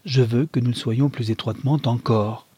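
A man's voice: steady tone, normal speed, dark tone, slightly rough, no room sound, lightly acted. A man voicing an unhappy young wife who pleads earnestly with her husband in a read novel. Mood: pleading. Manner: earnest, rising in pitch when pressed.

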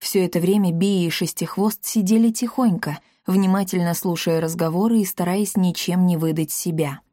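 A woman narrating a children's adventure audiobook in a lively, dramatic reading style. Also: lowish voice, normal speed, no room sound, clean studio sound. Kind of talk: expressive storybook reading.

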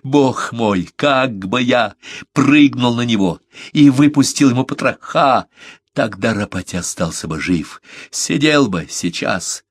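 A furious, half-mad man, voiced by a male reader, barking hoarse, fierce outbursts in an audiobook, pitched higher and louder than the narration. The sound is dry and close. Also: expressive, unhurried, no room sound. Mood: grieving rage.

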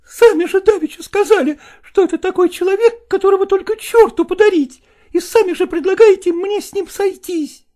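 A woman's voice: very high-pitched, brisk, dark tone. A woman playing a stubborn, tearful young wife arguing with her father in a dramatized reading, emotional and defiant.

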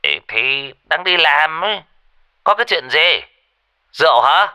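Give me a gruff coarse woodcutter, voiced by a man. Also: fairly high pitch, expressive, a little slow, bright, forceful tone, voice pushed up, full character voice. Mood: irritable. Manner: blunt, coarse. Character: rough gruff middle-aged woodcutter father.

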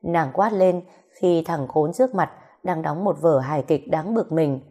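A woman narrating an audio story with steady, measured storytelling. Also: low-pitched.

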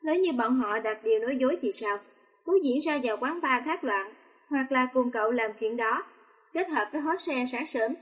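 A woman narrating a romance novel as an audiobook, reading in a steady, even way. Her voice sits high. A long reverb trails after each phrase. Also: normal speed.

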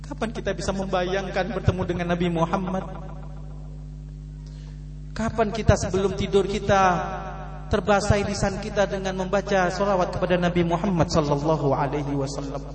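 A male preacher telling a story in a sermon, dramatic and swinging from hushed to loud, recorded in an echoey hall with a humming noise. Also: sits high, steady tone, moderate pace.

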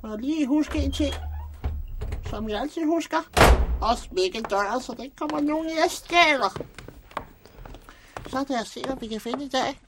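A woman's voice: high voice, background noise. A woman voicing a rambling, beer-loving man muttering to himself in a cellar, recorded from a distance with music behind.

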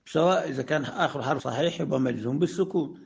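A man's voice: on the high side, racing, gravelly. A man with an Egyptian accent teaching an Arabic grammar lesson in a conversational way. He asks the class questions, answers them himself, and recites verses in a raised voice.

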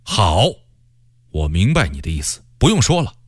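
A man's voice: deep voice, very animated, measured pace, no room sound, clean studio sound, pitched below the performer's own voice, full character voice. A man playing a stern proud commander. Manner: stern and scornful. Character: proud stubborn male army commander. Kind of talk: storytelling character voice.

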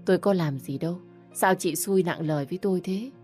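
A woman's voice: lowish voice, brisk, darkish tone, slightly rough, faint music behind. A woman doing a weary older mother-in-law. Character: put-upon older mother-in-law, defensive.

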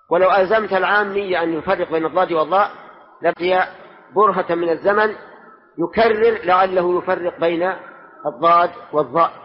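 High-voiced man teaching in echoing mosque. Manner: quizzes students and presses them for answers. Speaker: religious scholar teaching a lesson. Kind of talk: question-and-answer religious lesson. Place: large mosque hall. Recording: dull lo-fi recording with long hall reverb.

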